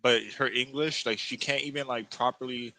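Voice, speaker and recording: A man's voice: medium pitch, steady tone, sharp tone. A man co-hosting a podcast in casual chat, blunt and talkative, saying "bro" and "like" constantly. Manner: blunt, fast-talking, peppered with "bro" and "like". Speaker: podcast co-host.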